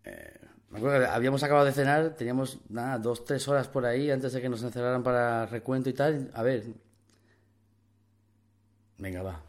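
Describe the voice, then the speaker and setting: A man's voice: mid-range voice, expressive, fairly quick, long pauses. A young Spanish man from Spain telling an anecdote casually, rambling with lots of slang, fillers and imitated sounds. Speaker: storyteller.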